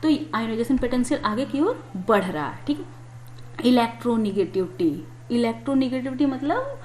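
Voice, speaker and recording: A woman's voice: on the high side, big pitch swings, moderate pace, a little mellow. A woman teaching a chemistry lesson in a conversational way, asking questions and answering them herself. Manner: conversational, asks and answers her own questions. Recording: echoey room with faint noise.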